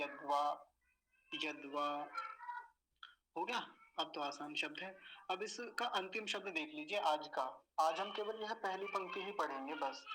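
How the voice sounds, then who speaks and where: A patient man teaching pronunciation, repeating each word slowly syllable by syllable. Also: a little high, noisy background. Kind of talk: slow pronunciation lesson.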